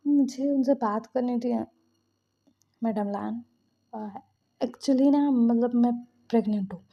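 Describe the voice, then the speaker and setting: A woman voicing a frightened young man who pleads and defends himself in a rush. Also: fairly high pitch. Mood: pleading. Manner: pleading, rushed self-defense. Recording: dull lo-fi recording.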